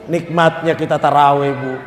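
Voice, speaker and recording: A man with an Indonesian accent preaching a lively sermon, moving between quick storytelling and slow chanted recitation. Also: on the high side. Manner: animated, switches between fast talk and slow melodic chanting. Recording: echoey hall, long reverb.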